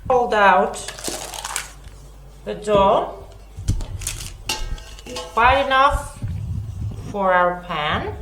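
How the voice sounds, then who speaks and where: Woman, cooking host, unhurried delivery, echoey kitchen, faint background hiss. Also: mid-range voice, lively intonation. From Greece. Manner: slow and chatty with many fillers and self-corrections. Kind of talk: home cooking demonstration.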